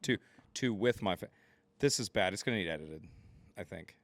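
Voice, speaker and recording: A man's voice: sits low, lively intonation, moderate pace, dry recording. An American man in his late thirties, a podcast guest, trading playful jokes in casual chat. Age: 30s. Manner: joking, playful banter.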